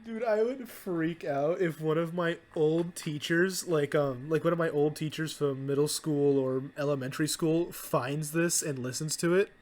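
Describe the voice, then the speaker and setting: A man's voice: a little high, a little mellow, slight background noise. A young adult man co-hosting a casual podcast chat, teasing his friends and joking around. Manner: teasing, jokey, quick to laugh. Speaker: podcast co-host.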